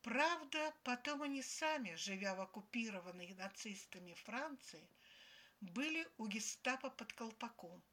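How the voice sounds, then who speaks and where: A woman's voice: on the high side, expressive, moderate pace, a bit bright. A woman expressively reading a first-person story aloud. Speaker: story reader.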